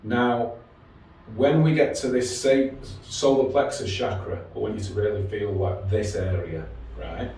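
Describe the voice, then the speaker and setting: A man leading a calm, informal grounding exercise in a casual way, often checking in with short questions. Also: on the low side, unhurried. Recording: distant, very echoey room with faint noise.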